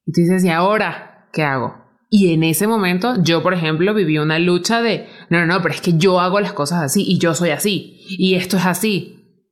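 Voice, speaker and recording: Woman host, low-pitched, chatty storyteller who acts out what people said. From Venezuela. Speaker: podcast host. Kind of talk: casual conversation.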